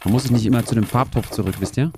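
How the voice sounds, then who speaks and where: A woman streaming a simulator game, chatting excitedly and joking with her viewers. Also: rumbling low, rapid-fire, noisy background. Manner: excitable, jokey, talks to viewers. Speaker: gaming streamer. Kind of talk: casual gameplay commentary.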